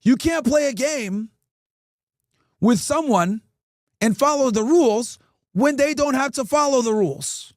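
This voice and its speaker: A man's voice: very high-pitched, animated, unhurried, long pauses, no room sound. A podcast host, a man, delivering crude, profane, preachy commentary and speaking straight to his chat. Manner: addresses chat directly. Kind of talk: ranting commentary.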